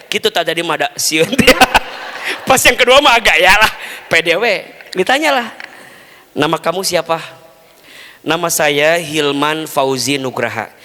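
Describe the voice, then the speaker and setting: Male preacher, Sundanese accent, playful storyteller, crisp bright tone, echoey mosque hall. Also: high-pitched. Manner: lively, jokey, quick shifts between loud and hushed. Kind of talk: humorous storytelling sermon.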